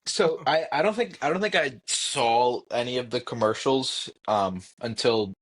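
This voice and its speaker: A young man in his twenties chats on a podcast as the guest. His voice is husky and a little raspy. He gets worked up quickly and stumbles through repeated restarts. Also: mid-range voice. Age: 20s. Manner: excitable, tripping over restarts. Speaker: podcast guest, football fan. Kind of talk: casual podcast chat.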